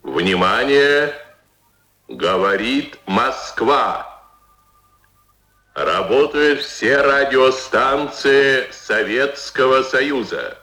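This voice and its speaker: Man, state announcer, solemn, booming, ceremonial, measured declamation, bright forceful voice, echoing old Soviet radio. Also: expressive. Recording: echoey archival Soviet radio broadcast.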